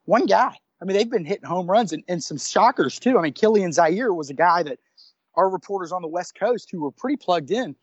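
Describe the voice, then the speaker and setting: Higher-voiced rambling reporter man. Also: lively intonation, a little fast, husky, no room sound, muffled recording. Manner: rambling, self-correcting, many restarts. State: hiccups. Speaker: recruiting reporter. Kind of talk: casual podcast chat.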